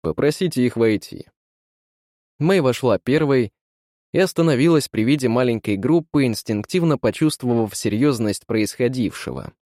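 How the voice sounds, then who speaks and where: A man reading a novel aloud as an audiobook in an even, unhurried way. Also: medium pitch, no room sound, studio quality. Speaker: audiobook narrator.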